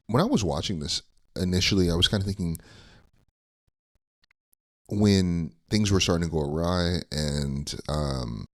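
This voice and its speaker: A man co-hosting a casual movie review podcast, talking in a relaxed, rambling way with lots of fillers. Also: low-pitched, no echo, studio quality. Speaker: podcast co-host.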